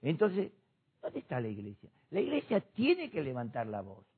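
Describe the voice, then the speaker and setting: Man, pastor, husky higher voice, fervent preaching, tinny phone-like sound. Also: huge pitch swings, moderate pace. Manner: impassioned preaching, rising to shouts. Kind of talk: church discussion program.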